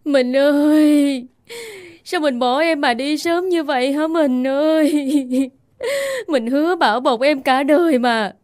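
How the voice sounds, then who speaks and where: A woman's voice: a little high, animated, normal speed, a little mellow, no room sound, clean studio sound. A woman voicing a young village widow in an audio ghost story, who wails and pleads and is secretly scheming. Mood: wailing grief. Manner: wailing, pleading.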